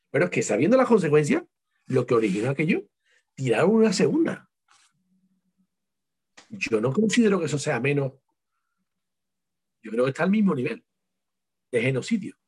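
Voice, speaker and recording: A man's voice: fairly high pitch, slightly rough. A man from Seville with an Andalusian accent, an author talking emphatically in an interview, full of rhetorical questions and repeated words. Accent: Andalusian Spanish. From Seville, Spain. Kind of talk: casual interview talk.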